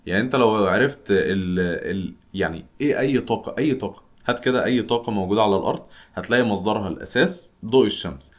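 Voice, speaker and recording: A man's voice: lowish voice, quick pace. A young man with an Egyptian accent teaching a science lesson in a chatty way, asking and answering his own questions. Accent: Egyptian Arabic. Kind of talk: casual explanatory lesson mixing English terms.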